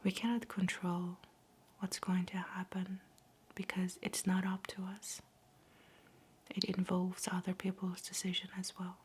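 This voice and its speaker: A woman giving a whispered ASMR pep talk in a soft, breathy whisper, soothing, gentle and encouraging. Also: on the low side, flat delivery, unhurried, slight background noise. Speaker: ASMR host.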